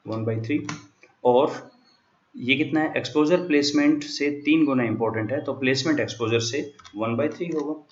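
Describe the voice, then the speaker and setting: A man lectures in a mid-range voice, walking through each step and switching between Hindi and English terms. The sound is roomy and echoing. The recording is a little dull and lo-fi. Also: mid-range voice. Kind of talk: classroom lecture. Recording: echoey room, dull lo-fi sound.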